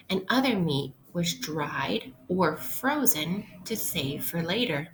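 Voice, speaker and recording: With a fairly low voice touched by vocal fry, a woman elementary teacher reads aloud to children in an interactive, instructional lesson, keeping explanations simple. Slight background noise and rough audio come through.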